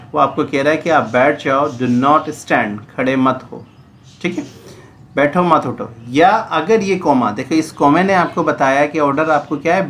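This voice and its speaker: A man's voice: a little high, fairly bright tone, slight background noise. A man teaching a grammar lesson, explaining in Urdu mixed with English phrases.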